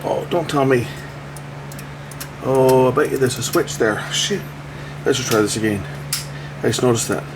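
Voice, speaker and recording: Working with his hands, an electronics repair video host thinks aloud in casual, unscripted commentary. His voice is medium-pitched and moves at normal speed, with frequent pauses over a noisy background.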